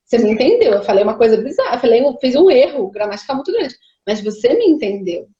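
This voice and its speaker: A high-voiced woman from Brazil chats in an animated, argumentative way and keeps asking rhetorical questions. Her audio is echoey and a little dull, as if it comes from a remote call. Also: quick pace. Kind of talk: casual chat.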